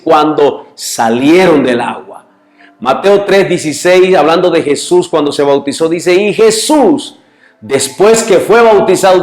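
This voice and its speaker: A man's voice: fairly high pitch, darkish tone. A man teaching a church Bible lesson, reading Scripture passages aloud and asking his listeners questions. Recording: echoey room.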